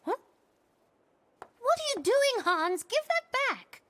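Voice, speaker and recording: An actress playing an eager, naive and ambitious young housemaid, excitable and pushy, in animated drama style. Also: female voice, very high-pitched, takes it slowly, slight background noise, heavily acted. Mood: breezy, confident. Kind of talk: animated drama dub acting.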